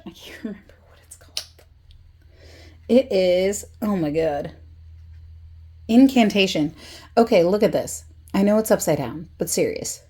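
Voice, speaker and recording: A woman making a soft-spoken makeup video, rambling casually with self-deprecating, giggly asides. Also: lowish voice, husky. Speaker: makeup vlogger.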